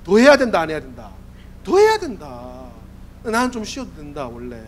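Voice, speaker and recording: Speaking at a moderate pace in a church sanctuary, a youth pastor in his forties gives a youth sermon. His voice is high, hoarse and worn, with wild pitch leaps and dips, and his lively, questioning delivery keeps checking whether the listeners agree.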